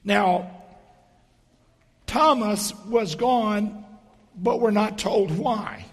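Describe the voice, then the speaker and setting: A middle-aged or older man giving a sermon in a hoarse stage whisper, his voice almost gone, speaking deliberately with pauses between phrases. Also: high-pitched. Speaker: preacher. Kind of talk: sermon with storytelling and dry humour. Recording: reverberant hall.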